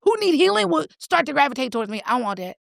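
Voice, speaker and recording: A woman co-hosting a podcast, telling a story in casual chat, animated and swearing casually as she acts out what people said. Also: high voice, racing, creaky, dry recording, clean studio sound. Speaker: podcast co-host.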